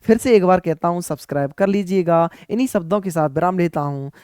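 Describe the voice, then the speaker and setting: A man's voice: high-pitched, a little fast, a little mellow, clean tone, dry recording, clean studio sound. A man, giving earnest, repetitive study advice as an exam coaching teacher.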